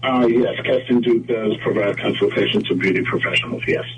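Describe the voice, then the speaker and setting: A man's voice: fairly low pitch, fairly even intonation, recorded from a distance, dull audio, crowd noise. Man from Trinidad and Tobago on radio. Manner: measured, explanatory, with frequent "mm-hmm" and "whatnot". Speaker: guest photographer. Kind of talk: radio interview.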